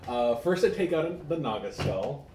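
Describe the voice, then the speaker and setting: A man's voice: medium pitch, sing-song, a little slow, distant mic. A man playing a tabletop role-playing game, joking and swearing casually as a player. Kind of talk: casual chat at a gaming table. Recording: roomy, off-mic, with noticeable background noise.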